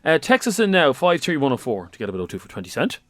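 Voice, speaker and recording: A man's voice: medium pitch, wildly swooping pitch, fast, fairly bright tone, dry recording, studio quality. A man with a Dublin accent hosting a radio phone-in in a conversational, mock-serious and teasing way. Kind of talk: conversational talk radio presenting.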